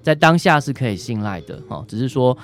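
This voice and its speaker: A man's expressive, medium-pitched voice moves fairly quickly as he answers questions as a guest doctor on the radio. He has a Taiwanese accent, explains conversationally, and often caps phrases with short tag particles, with faint music behind him.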